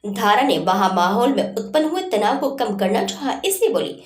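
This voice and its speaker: Expressive woman storyteller, roomy sound. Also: fairly high pitch, moderate pace. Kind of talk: storybook narration. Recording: roomy echo.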